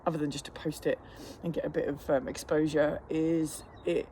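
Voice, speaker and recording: A man's voice: on the high side, flat delivery, moderate pace, mellow, a little hiss or hum. A man chatting casually to camera in a rambling, matter-of-fact, self-deprecating way while enduring icy water. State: cold-stressed, sitting in icy water. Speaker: fitness instructor vlogger. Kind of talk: casual chat to camera during a cold plunge. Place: outdoors in an ice bath.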